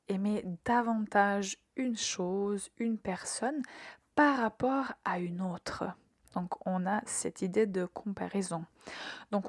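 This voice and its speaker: A woman teaching a short verb lesson, speaking patiently and carefully, repeating words slowly for learners to echo and pausing with soft fillers as she explains. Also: mid-range voice, studio quality. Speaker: French teacher hosting a verb podcast. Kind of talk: scripted language lesson.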